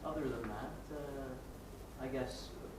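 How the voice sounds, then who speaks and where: Man, nervous, hesitant, distant from the mic, echoey room, clear room noise. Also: mid-range voice, takes it slowly. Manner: hesitant, filler-heavy, self-aware. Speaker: audience member giving an evaluation.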